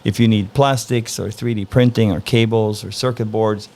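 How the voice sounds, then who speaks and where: A Norwegian man answers interview questions casually as a guest. His gravelly, low voice sounds easygoing, relaxed and thoughtful, and he pauses often with "uh."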